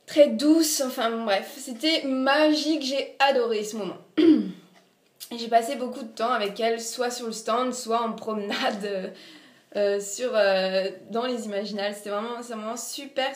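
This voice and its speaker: A young woman with an Alsatian accent talks in a high, bright voice, chatty and full of little hesitations. She pokes fun at herself as she shows off her books. The sound is roomy and echoey. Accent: Alsatian French. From Alsace, France. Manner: chatty, many fillers, self-mocking. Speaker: book vlogger. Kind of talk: casual book haul vlog. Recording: echoey room.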